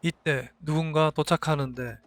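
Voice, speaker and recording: A man reading scripted recap narration as a drama reviewer, in measured storytelling statements. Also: a little high, steady tone. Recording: voice-over with faint music behind.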